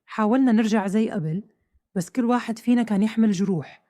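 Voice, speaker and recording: Brief: Hejazi Saudi woman, fast dramatic first-person narration, mellow tone, dry close mic. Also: on the high side, no room sound. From Saudi Arabia. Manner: tense, questioning, dramatic.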